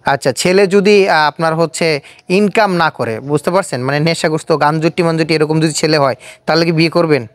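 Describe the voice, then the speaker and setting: The audio is dry, capturing a host with a Bangladeshi accent whose mid-range voice moves briskly. He leads an easygoing on-camera street interview, restating answers as questions to probe.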